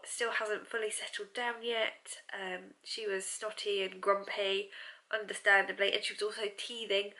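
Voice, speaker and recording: A young English woman vlogging casually, her voice congested from a cold, soft-spoken and chatty. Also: mid-range voice. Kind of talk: casual vlog chat.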